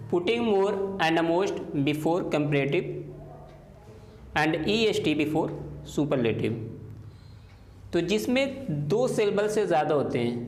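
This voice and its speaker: A male teacher walks through a grammar lesson at an unhurried, step-by-step pace. His voice sits a little high for a man, and he spells words out letter by letter. The recording carries a noticeable room echo. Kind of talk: explaining English grammar in a lesson.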